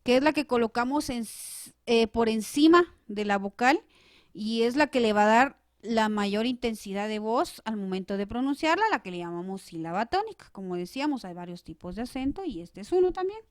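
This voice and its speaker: Female teacher for a recorded grammar lesson: clear and emphatic, a touch high, dry booth-like sound. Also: animated, normal speed, no room sound. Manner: clear, emphatic, stresses syllables when giving examples.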